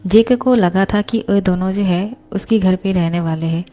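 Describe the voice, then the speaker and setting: A woman's voice: medium pitch, normal speed, dark tone. A woman hosting her channel, retelling a fan fiction story in a chatty, explaining way.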